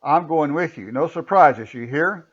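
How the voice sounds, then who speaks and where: A man's voice: fairly high pitch, lively intonation, a little slow, fairly bright tone, husky, lo-fi sound, exaggerated voice. A man voicing a wary, by-the-book male police officer who speaks in a firm, commanding way.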